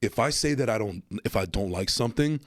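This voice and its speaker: A man's voice: lowish voice, lively intonation, fairly quick. A man in his thirties hosting a podcast, chatting casually with an upbeat, hype manner and frequent restarts. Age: 30s. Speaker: podcast host. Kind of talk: casual chat.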